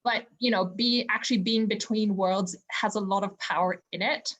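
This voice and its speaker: A woman's voice: medium pitch, steady tone, moderate pace, fairly bright tone. A woman from Zimbabwe, a podcast guest talking over a remote call from home, earnest and reflective, with many fillers. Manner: earnest and reflective, with frequent fillers like "you know". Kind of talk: casual interview conversation.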